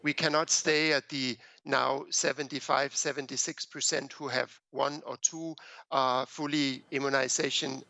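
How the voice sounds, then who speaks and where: Danish-accented man, gravelly bright voice. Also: medium pitch, no room sound, poor audio. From Denmark. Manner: measured, hesitant with many fillers. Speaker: public health expert guest. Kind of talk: remote news interview. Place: small home office indoors. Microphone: headset mic on a video call.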